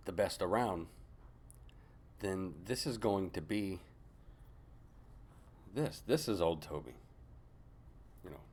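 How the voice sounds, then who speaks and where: A man giving a casual, unscripted review as a hobbyist, musing and halting as he goes, often trailing into asides. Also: low-pitched, darkish tone. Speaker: pipe tobacco reviewer.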